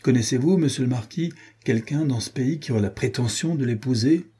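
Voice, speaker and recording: A man's voice: medium pitch, brisk, warm tone, husky, pitched above the performer's own voice, close to an everyday voice. A man voicing a jealous, hot-tempered young man who challenges his rival. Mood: challenging. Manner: indignant, challenging.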